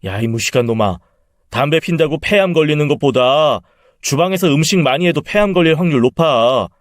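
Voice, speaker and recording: A man's voice: a little high, lively intonation, brisk, dry recording, clean studio sound, natural voice. A man doing crude mocking buddies. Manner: coarse, teasing. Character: crude, mocking male buddies of the son-in-law.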